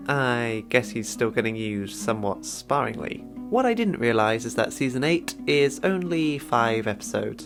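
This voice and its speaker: A man narrating a scripted video essay about a cartoon, wry and chatty in his commentary. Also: mid-range voice.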